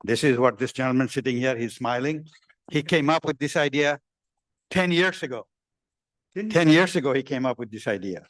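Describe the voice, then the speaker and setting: Panelist: mid-pitched man, keen, upbeat, repeats for emphasis, dry mic. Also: moderate pace, fairly bright tone, no echo. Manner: enthusiastic, repeats himself. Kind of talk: speaking on a conference panel. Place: conference hall.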